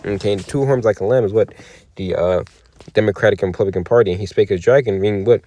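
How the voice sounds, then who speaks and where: A man's voice: on the low side, fast, dark tone, dry recording. A tired man giving a casual commentary on scripture and the news, swearing a lot and leaning on "okay" and "man" with frequent rhetorical questions. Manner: profane, peppered with "okay" and "man". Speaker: religious commentator.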